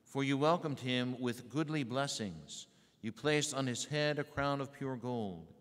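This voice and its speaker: Solemn priest in an echoey church. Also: male voice, medium pitch, fairly bright tone. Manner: measured, solemn reading. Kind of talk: liturgical recitation. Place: large church.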